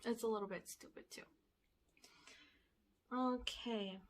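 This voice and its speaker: A woman's voice: fairly high pitch, steady tone, slow. A woman at home chatting her way through a shopping haul, rambling with fillers, a little out of breath. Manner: reads the blurbs on the backs of DVD cases aloud. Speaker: vlogger showing a shopping haul. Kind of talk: casual chat. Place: indoors at home, sitting in one spot.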